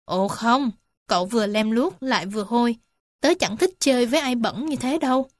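A woman's voice: on the high side, moderate pace, dry recording, close to an everyday voice. Woman doing a snooty goose in a kids story, brushing off, dry close mic. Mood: dismissive. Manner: dismissive. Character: snooty young goose, dismissive.

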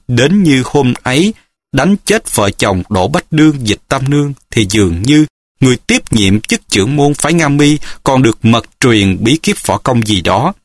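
A male narrator tells a martial-arts novel with an expressive, dramatic reading. His pitch rises and falls widely, and the recording is dry and close to the mic. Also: no room sound. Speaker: audiobook narrator.

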